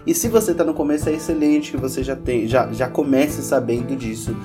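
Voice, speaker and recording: A Portuguese-speaking man teaches English pronunciation. He speaks at a middling pitch and takes his time, saying each example word two or three times so the listener can hear it clearly. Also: a little fast, music in the background. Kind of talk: language lesson.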